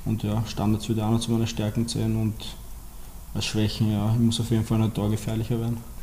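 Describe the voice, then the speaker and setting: A man's voice: on the low side, fast, slight background noise. A man, a footballer answering interview questions with many fillers. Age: 20s. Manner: even, flat delivery with many fillers.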